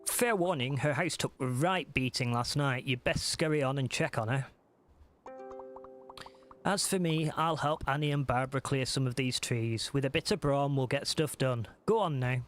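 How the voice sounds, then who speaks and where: A man's voice: medium pitch, moderate pace, faint music behind, lightly acted. A man reading the lines of a burly, hearty woodsman villager from a cozy game, in a no-nonsense way.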